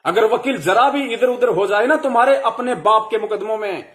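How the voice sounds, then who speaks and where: A man's voice: high voice, a little fast, fairly bright tone. A young man giving a heated devotional sermon to fellow followers, scolding them with rhetorical questions.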